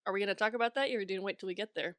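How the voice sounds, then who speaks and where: A woman's voice: mid-range voice, rapid-fire, a bit bright, dry recording, clean studio sound. A young woman co-hosting a podcast, chatting casually and laughing through her own stories. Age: young adult. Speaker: podcast co-host.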